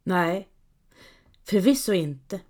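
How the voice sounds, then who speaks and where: A woman reading a firm, dreamy old-style knight who keeps coaxing his friend onward. the voice is mellow and warm. a storybook reading with a calm pull. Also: lowish voice. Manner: coaxing, urging. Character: encouraging dreamy male knight, steady and firm.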